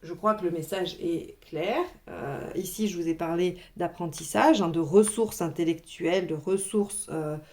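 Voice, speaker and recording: A woman's voice: fairly low pitch, unhurried, hardly any pauses, a little mellow. A woman giving a casual tarot reading, talking straight to her viewers with frequent little asides. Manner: chatty, addresses viewers directly, frequent "hein" asides. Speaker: tarot reader.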